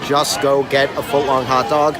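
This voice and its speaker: A man's voice: medium pitch, little pitch movement, normal speed. A man co-hosting a food review in a casual, chatty way, with wry, opinionated remarks. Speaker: co-host of a food review show. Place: outdoors in a busy theme park. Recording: crowded outdoor park with music. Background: music and crowd chatter.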